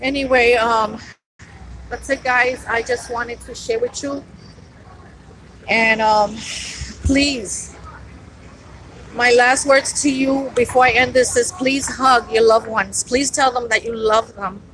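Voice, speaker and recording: A woman's voice: a little high, fairly even intonation, slow pace, long pauses, noisy background. A woman vlogging outdoors on a city street, speaking earnestly and pleading, repeating herself for emphasis. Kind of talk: on-location vlog address.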